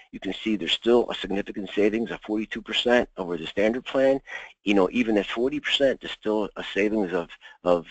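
A man giving an insurance webinar, walking through slides in a halting way with many ums and uhs. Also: on the low side, no room sound, low-quality recording. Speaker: insurance sales presenter.

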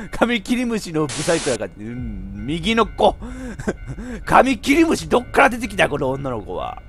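A man with a high voice gives a joking let's-play of a horror game, teasing what he sees on screen. His pitch jumps around wildly, and he often breaks into sudden shouts. Faint game music plays under his voice. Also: wildly swooping pitch, measured pace, hardly any pauses. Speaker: VTuber game streamer.

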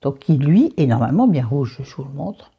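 A woman's voice: extremely low pitch, sing-song, moderate pace, breathy edge, lo-fi sound. A French-accented woman chatting through a makeup haul, dropping into whispered asides and scolding herself by name. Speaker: beauty vlogger.

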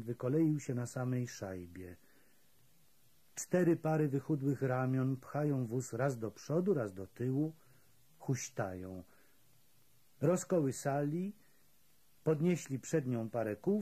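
Lektor audiobooka, ochrypły, ciemny głos, czyta wolno. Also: male voice, mid-range voice, animated, slow pace, dark tone, slightly rough. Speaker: audiobook reader. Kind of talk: literary audiobook narration.

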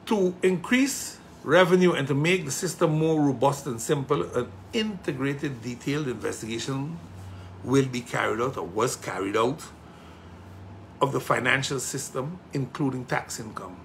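A man's voice: medium pitch, normal speed, gravelly, a little hiss or hum. Emphatic man talking politics. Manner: emphatic, rising to loud indignation, rhetorical questions. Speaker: political commentator hosting a show. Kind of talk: impassioned political commentary.

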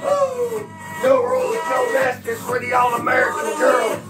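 A man delivering a rambling, excited fan rant, shouting and whooping as he goes. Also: very high-pitched, moderate pace. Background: music.

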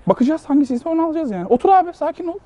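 A young man with a notably high voice rattles along at a rapid clip. He hosts a street prank video and talks in a cheeky, teasing way, dodging questions with a grin. He is recorded outdoors in a public spot. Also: very animated, mellow, muffled recording. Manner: cheeky, teasing, playfully evasive. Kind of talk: street prank, casual chat.

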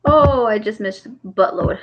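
A woman's voice: mid-range voice, unhurried, lo-fi sound. A woman hosting a casual crafting livestream, chatting with viewers and reading their comments aloud with frequent laughs.

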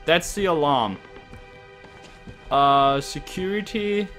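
A man streaming a horror game, chatting and cursing, yelping and shouting when startled. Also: on the high side, slow pace, soft background music. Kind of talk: gaming livestream commentary.

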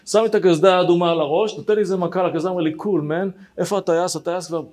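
A rabbi telling a personal story to listeners, animated and speaking to them directly. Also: male voice, high-pitched. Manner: animated, acts out dialogue, addresses listeners directly.

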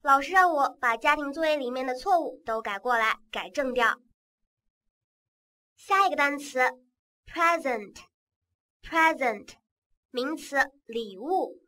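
A woman teaching an English vocabulary lesson in a high, bright voice. She repeats each word and spells it out letter by letter, patient and coaxing with her students. Her tone stays lively and clear throughout. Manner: patient, spells words out slowly.

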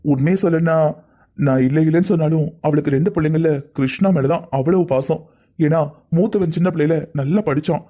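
Guy doing a kind cartoon father-in-law, fairly high voice, mellow, calm and reassuring. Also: a little fast, close to an everyday voice. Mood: soothing. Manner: gentle, reassuring, coaxing. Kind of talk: cartoon voice acting.

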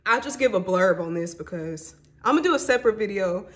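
Talking fast with lively intonation, a young Mississippi woman in her twenties tells her story to vlog viewers, frank and emotional and full of y'all and honey. Her voice is medium in pitch with a fairly bright tone.

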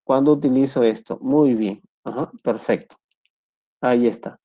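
A man's voice: medium pitch, normal speed, dark tone. A man with a Peruvian Spanish accent teaching a recorded Excel lesson, often repeating points and checking in with "correcto". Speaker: Excel instructor. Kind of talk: screen-recorded software tutorial. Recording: dull lo-fi mic.

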